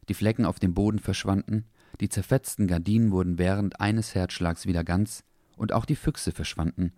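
A man narrating a children's story in a calm, measured way. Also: low voice, dry recording, clean studio sound.

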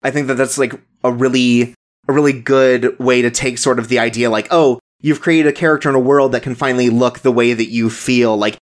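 Casual podcast co-host, rambling, filler-heavy, laughs a lot, mid pitch. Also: steady tone, a little fast. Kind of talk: casual chat.

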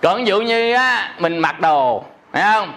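A man's voice: high-pitched, sing-song, unhurried, bright, forceful tone. A man preaching a Buddhist sermon, joking, chuckling often and asking his listeners whether they understand. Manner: jokey, laughs often, peppers talk with rhetorical questions.

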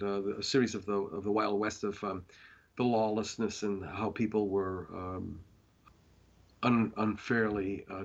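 A man's voice: lowish voice, lo-fi sound. A man, a painter being interviewed, talking in a rambling casual way with many fillers and restarts.

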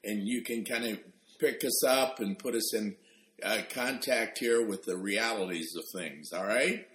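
A man hosts a talk show and introduces his guest in a halting way, full of fillers. His voice sits at an ordinary pitch in a roomy, echoing space. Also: fairly bright tone. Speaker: radio show host. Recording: roomy echo.

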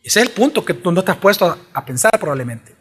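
A man's voice: high voice, sing-song, fast, fairly bright tone, breathy edge, faint music behind. A man preaching a sermon, pressing his listeners with emphatic rhetorical questions.

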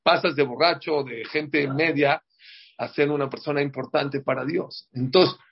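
A man's voice: on the high side, fairly even intonation, moderate pace, gravelly, breathy edge. A man teaching a religious class to a group, emphatic and often checking in with "ok?". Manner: emphatic, checks in with "ok?", repeats words. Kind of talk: religious class before a holiday. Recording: dull lo-fi recording.

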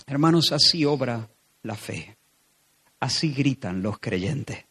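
A man from preaching a sermon, building from quiet storytelling to loud, emphatic repetition. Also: medium pitch, animated, takes it slowly, breathy edge.

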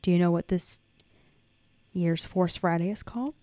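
A woman co-hosting a casual podcast, chatting with sarcastic, animated energy. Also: fairly low pitch, moderate pace, no echo. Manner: sarcastic, animated, slips into a hyped announcer voice when reading. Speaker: podcast co-host. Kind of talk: casual chat. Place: home podcast setup.

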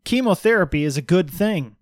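A man's voice: sits high, lively intonation, brisk, dry recording, studio quality. A man co-hosting a podcast in casual, joking talk, explaining things with mock-serious sarcasm. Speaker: podcast co-host.

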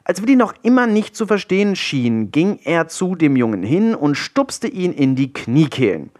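A man's voice: on the high side, very animated, moderate pace, darkish tone. A man narrating a children's storybook aloud, playful and with wry asides.

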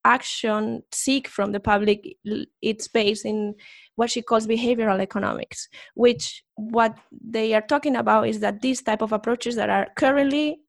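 Woman, podcast co-host, casual explanatory chat, gravelly, dry close sound. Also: fairly high pitch, fairly even intonation, normal speed, no room sound. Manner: explanatory, walks through research in detail.

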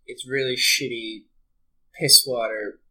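Bright-voiced game master, casual. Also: male voice, medium pitch, fairly even intonation, takes it slowly, low-quality recording. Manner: casual, laughing, profane. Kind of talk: narrating a tabletop game.

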